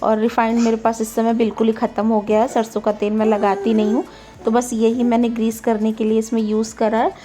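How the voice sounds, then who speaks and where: A woman's voice: a little high, flat delivery, brisk, warm tone. A young adult woman, a mother and home vlogger, chatting through a casual voice-over about her cooking, explaining as she goes with fillers and small self-corrections.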